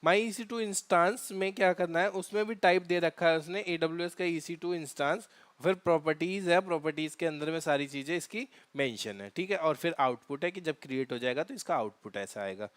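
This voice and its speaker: A man walks through a cloud tutorial on a screen share, pausing often on fillers and restarting his sentences. His voice sits fairly high and comes across smooth and resonant. The recording is close and dry. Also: fairly bright tone, no echo. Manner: halting, many fillers and restarts. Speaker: DevOps tutorial instructor.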